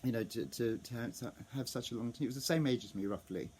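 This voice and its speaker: A man vlogs a casual story at a fast clip, his medium-pitched voice a little mellow, with a slight hiss or hum in the recording. He rambles, restarting often and filling gaps with ums, and sometimes acts out the fan reactions he overheard.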